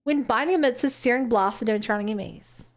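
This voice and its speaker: Talking at a quick pace in a slightly high voice, a New Zealand woman streams a game. Her casual gameplay commentary mixes thinking aloud with replies to her chat.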